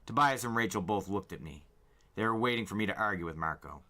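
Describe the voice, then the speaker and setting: A storyteller and podcast host reads a first-person novel aloud dramatically, his lowish, sharp voice animated and fast. Faint music plays in the background.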